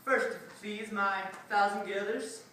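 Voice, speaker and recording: A performer playing the Pied Piper, a mysterious, boastful wandering musician, reciting verse deliberately for readers theatre. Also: mid-range voice, steady tone, pushed and bright. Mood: indignant, threatening. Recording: distant, very echoey room, faint noise.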